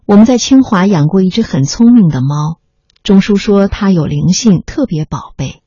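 A narrator calmly reading a memoir aloud, in a measured storytelling manner. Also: medium pitch, slightly rough, dry recording. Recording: slightly muffled recording with faint music.

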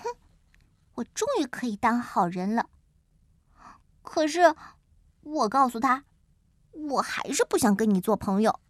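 A woman narrates a picture book in the first person as a tiny mouse. Her voice is high and childlike, animated and expressive. It is recorded close and dry. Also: unhurried, pauses often, no room sound. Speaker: storybook narrator speaking as the little mouse. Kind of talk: expressive children's story read-aloud.

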